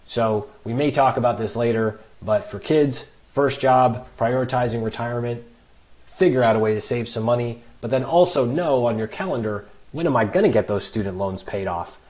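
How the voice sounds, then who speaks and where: A man's voice: medium pitch, normal speed, darkish tone. A man talking as a financial advisor guest on a podcast, explaining with emphatic worked examples. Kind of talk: podcast conversation.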